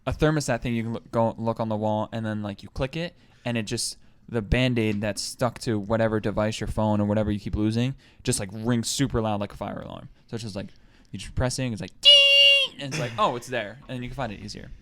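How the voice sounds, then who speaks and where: A man, co-hosting a casual podcast and telling rambling, animated stories. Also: on the low side, quick pace. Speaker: podcast co-host. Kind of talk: casual chat.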